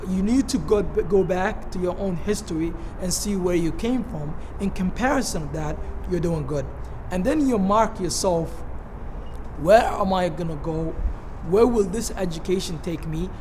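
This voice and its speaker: A man from Somalia giving an earnest, halting congratulatory speech to graduates, often repeating words as he goes. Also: high voice. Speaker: speaker addressing graduates. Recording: noisy, with background ambience.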